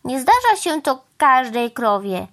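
A woman voicing a cheerful, easygoing mother cow with a gentle, sing-song way of speaking. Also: sits high, sing-song, unhurried, pitched above the performer's own voice, full character voice. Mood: calm.

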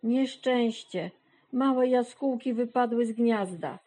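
A woman's voice: on the high side, slow, warm tone. A woman voicing an anxious, fussy hen raising the alarm in a storybook reading.

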